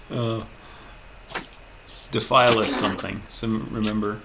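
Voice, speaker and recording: A man with a gravelly voice, playing a tabletop game and talking casually. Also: fairly low pitch, background noise.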